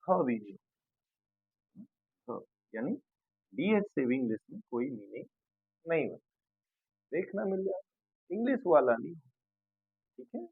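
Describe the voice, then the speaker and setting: A man teaching an English grammar lesson. He goes patiently, repeats sounds slowly and keeps checking that his students follow. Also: medium pitch, very animated, gravelly, husky, no echo, phone-quality sound, soft background music.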